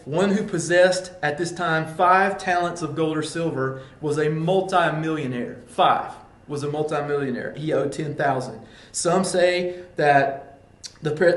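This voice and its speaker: A man's voice: a little high, roomy sound. A man preaching a sermon in an earnest way, breaking into acted-out pleas and quotes. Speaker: pastor.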